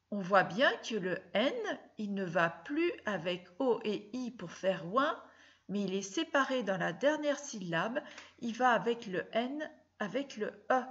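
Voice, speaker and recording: A woman teaching a child to read, speaking slowly and carefully and spelling out sounds and syllables. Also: on the high side, fairly bright tone, lo-fi sound. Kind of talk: phonics lesson for a child.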